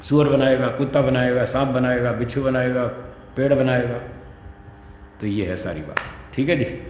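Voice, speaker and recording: A man's voice: mid-range voice, moderate pace, darkish tone. A man gives a scripture lecture as a spiritual teacher, talking it through conversationally and acting out the dialogue. His voice rings around a large hall, with a long reverb tail. Faint background noise sits underneath. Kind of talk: lecture explaining a scripture to students.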